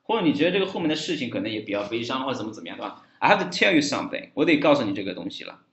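A male English teacher walks through a dialogue, repeating phrases slowly to show how they sound. His pitch swings up and down in an animated way, and the roomy recording sounds dull and lo-fi. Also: gravelly. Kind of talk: language lesson explaining dialogue.

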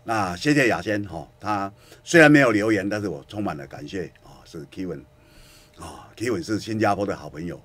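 Lively, ranting radio host. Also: male voice, sits low, a little fast, husky. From Kinmen, Taiwan. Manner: animated, ranting, sarcastic. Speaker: radio talk show host. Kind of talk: political commentary radio talk.

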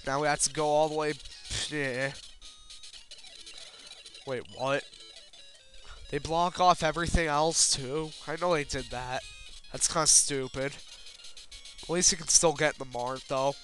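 A male let's player gives casual, rambling, self-deprecating video game commentary with casual swearing, as video game music plays in the background. His voice is a little high and fairly bright, with a steady tone, a measured pace and frequent pauses.

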